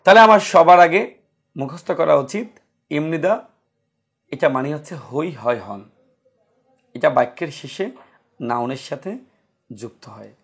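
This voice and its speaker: A man's voice: a little high, expressive, moderate pace, long pauses, slightly rough. A man teaching a grammar lesson, asking rhetorical questions and answering them himself. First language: Bengali. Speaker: Korean language teacher.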